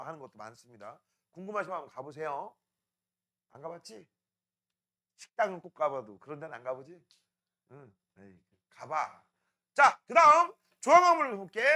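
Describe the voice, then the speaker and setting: A man's voice: very high voice, bright, forceful tone. A middle-aged male science teacher, lecturing a class, teasing and scolding students while drilling mnemonics.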